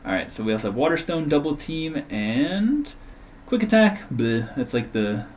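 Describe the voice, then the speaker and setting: A man's voice: on the high side, big pitch swings, normal speed, slight background noise. A man co-hosting a casual card game video, explaining card rules at length and thinking aloud about his picks. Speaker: co-host drafting cards.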